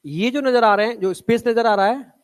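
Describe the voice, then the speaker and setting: A man's voice: very high voice, fairly quick, clean tone. Male teacher. Coaxing classroom lecture where he quizzes the students. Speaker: biology teacher.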